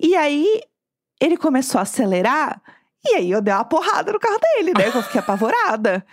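A Brazilian woman with a Brazilian Portuguese accent, telling a story in an animated casual chat with frequent laughter, over a video call. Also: sits high, fairly quick, dry recording, clean studio sound. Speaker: podcast co-host.

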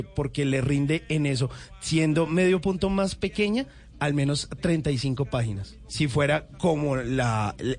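A man's voice: on the high side, a little mellow. Enthusiastic man sharing trivia. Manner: enthusiastic, rambling storyteller. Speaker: host. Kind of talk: casual trivia chat.

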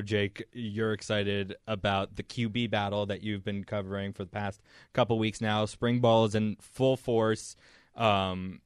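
A man hosting a casual sports show, smoothly steering the talk to his co-hosts. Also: fairly low pitch, dry recording, clean studio sound.

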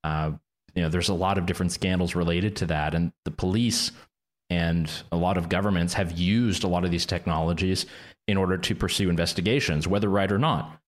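A man, a non-native English speaker who speaks three languages, explaining tech regulation in a measured, explanatory podcast discussion. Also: low voice, fairly even intonation. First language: not English, speaks three languages. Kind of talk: policy discussion.

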